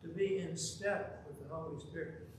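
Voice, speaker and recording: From the pulpit of a large, very echoey church sanctuary, a middle-aged pastor preaches a sermon, telling a story with animated gestures and building to loud emphasis. His voice is a little high at a moderate pace. A pulpit mic and a distant camera capture him, with faint ambience and slight background noise.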